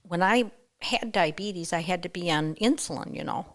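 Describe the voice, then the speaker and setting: An older woman as a podcast guest, talking casually in a halting way, often trailing off and restarting. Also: on the low side. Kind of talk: casual interview chat.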